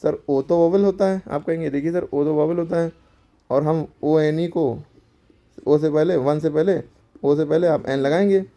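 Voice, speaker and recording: A man's voice: fairly high pitch, moderate pace, dark tone. A man teaching a grammar lesson to schoolchildren, explaining step by step and answering his own questions.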